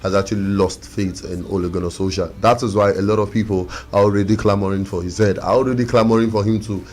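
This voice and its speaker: A man co-hosting a radio sports show, arguing his points at length in a measured way. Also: on the low side, steady tone, a little mellow.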